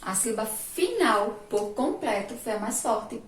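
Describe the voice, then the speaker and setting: A fairly high-voiced Brazilian woman teaching young children over a remote class, recorded from across an echoey room. She speaks patiently and draws words out slowly, syllable by syllable. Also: expressive, far from the mic. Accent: Sergipe Brazilian Portuguese. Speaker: primary school teacher. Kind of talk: remote class lesson at a board.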